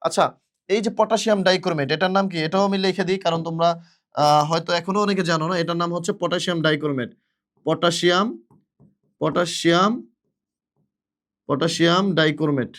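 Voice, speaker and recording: A man's voice: a little high, steady tone, very fast. A male chemistry teacher giving a classroom lecture, who asks questions, answers them himself and repeats the key words.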